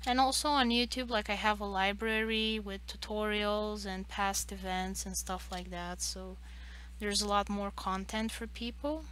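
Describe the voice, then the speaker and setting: A woman's voice: mid-range voice, steady tone, unhurried, fairly bright tone, rough recording. A woman in her late twenties chatting casually on a livestream, hesitant and rambling as she talks. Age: late 20s. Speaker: streamer and artist.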